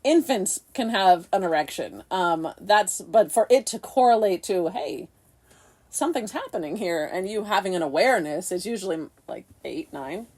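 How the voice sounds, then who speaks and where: A woman co-hosting a podcast, telling a candid personal story in a soft, halting, reflective way with frequent restarts. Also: medium pitch, expressive. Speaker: podcast co-host.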